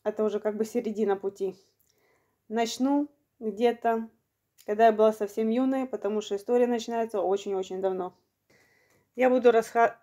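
A woman around fifty from Ukraine, telling a long personal story in a vlog, unhurried and matter-of-fact, slightly short of breath. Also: mid-range voice, mellow. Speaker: vlogger.

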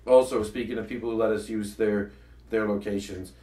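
A man's voice: lowish voice, fairly even intonation, fairly quick, warm tone, distant mic. A man co-hosting a talk about his comedy web series, chatting casually and often restarting his sentences. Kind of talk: casual chat. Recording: echoey room, voice a bit off-mic.

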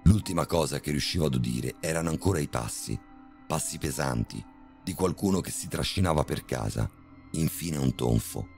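A man narrating a horror story in a measured, tense storytelling manner. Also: a bass voice, lively intonation, gravelly, darkish tone, soft background music.

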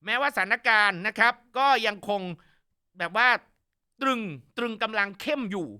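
Bright, animated male news host. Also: sits high, normal speed, smooth. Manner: animated, gossipy, crude jokes. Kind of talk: casual news commentary.

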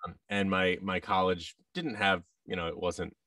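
An American actor and audio drama producer in his thirties, appearing as an interview guest, chats in a loose, rambling, self-mocking way. He has a low-pitched, sharp voice with fairly even intonation at a moderate pace, recorded dry and far away. He's in a large indoor office on a video call with a boom-arm microphone and headset.

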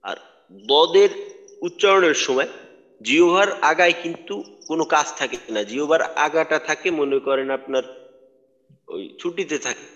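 During an online Quran recitation lesson, a man with a fairly high, slightly bright voice speaks at a moderate pace, pausing often. He's patient and explanatory, repeats things to stress them, and the audio is dull and lo-fi with a long reverb.

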